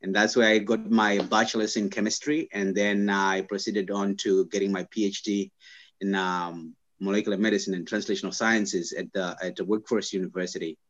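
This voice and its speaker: A man from Zimbabwe, a scientist and guest, telling his life story in casual interview talk, pausing often with fillers and restarts. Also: on the low side, level tone, lo-fi sound. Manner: halting, many "uh" fillers and restarts.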